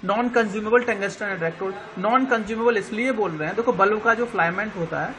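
A male teacher with an Indian accent and a high, slightly bright voice gives an online lecture. He explains slowly, spells words out letter by letter, and often checks that students are following. The recording is low quality, with slight background noise.

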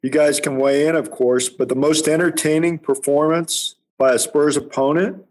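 Higher-voiced man talking sports. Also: fairly even intonation, a little mellow. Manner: halting, searching for words. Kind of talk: casual sports podcast chat.

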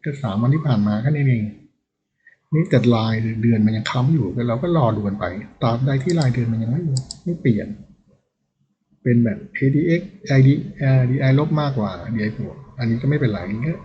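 A man talking through stock charts in a loose, rambling way, thinking aloud as he goes. His voice is mellow and dark, at a middle pitch. The recording sounds dull and lo-fi. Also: animated, a little fast. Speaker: stock trading channel host. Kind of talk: casual chart commentary.

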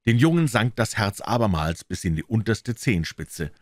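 A man narrating a classic novel as an audiobook in a measured storytelling manner. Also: fairly low pitch, very animated, dry recording, clean studio sound.

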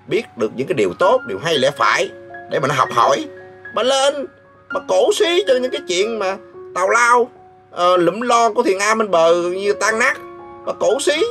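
A man's voice: on the high side, bright, forceful tone. A man hosting his vlog, ranting sarcastically and scolding, breaking into laughs mid-sentence. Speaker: vlogger host. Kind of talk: mocking commentary rant.

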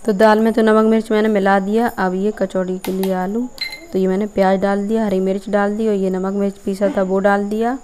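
A woman's voice: medium pitch, flat delivery, brisk, a little mellow, clear, resonant tone. Young village woman narrating her cooking. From Uttar Pradesh, India. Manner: plain step-by-step explaining. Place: rural courtyard, outdoors.

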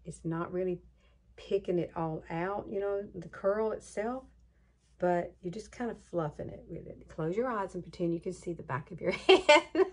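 A beauty vlogger in her late fifties from Alabama chats through a casual hair tutorial in a gushing, folksy, chatty way, drawling with a Southern accent and laughing. Her voice is fairly low-pitched and animated, at normal speed.

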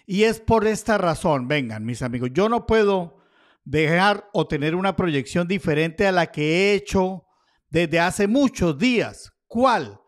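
A man's voice: sits high, lively intonation, unhurried. A man giving casual market commentary over charts, chatty and joking with his viewers. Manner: chatty, jokey asides to viewers. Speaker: crypto chart analyst.

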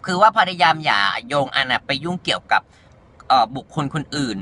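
A man's voice: mid-range voice, lively intonation, fairly quick, bright, forceful tone. A young man talking straight to the camera, answering online comments in a sassy, campy and blunt way. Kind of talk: candid monologue to camera.

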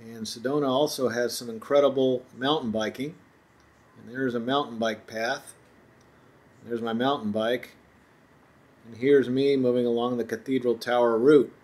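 A man narrating his own road trip as a travel voice-over, in a relaxed, chatty tour-guide manner. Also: medium pitch, normal speed.

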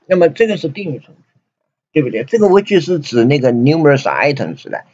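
A man with a Chinese accent teaching an English grammar lesson, repeating himself and reading English lines slowly. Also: fairly high pitch, very animated, darkish tone, breathy edge. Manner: repetitive, many fillers and restarts, reads English slowly. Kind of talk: grammar lesson explaining sentences. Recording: dull lo-fi recording.

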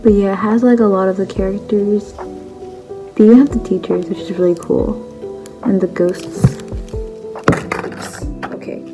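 A woman's voice: mid-range voice, fairly even intonation, moderate pace, long pauses, rough recording. Chatty teen girl over background music. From China. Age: teens. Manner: chatty, many likes and fillers. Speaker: vlogger. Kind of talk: casual merch haul chat. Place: bedroom at a table indoors. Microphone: phone camera at close range.

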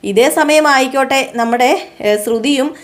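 Woman retelling a tv serial, chatty, lots of fillers, kinda high voice. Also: a little slow. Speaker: serial recap vlogger. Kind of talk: casual storytelling recap.

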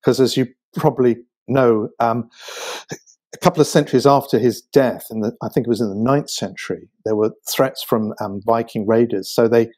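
An English man, a guest author, describing places in a lively, animated storytelling manner during a casual conversation. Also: medium pitch, moderate pace. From England.

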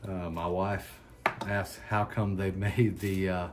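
Deep-voiced Southern male host, slow and halting, casual chat. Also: level tone, noisy background. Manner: unhurried, halting with many ums and restarts. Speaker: cigar channel host.

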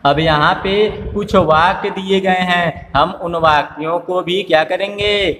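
Teaching little ones to read, this higher-pitched man sounds out every word syllable by syllable in a slow, drawn-out way, asking again and again what the letters make. His tone is fairly bright and his intonation fairly even. The recording has a long reverb and a faint hum from the room.

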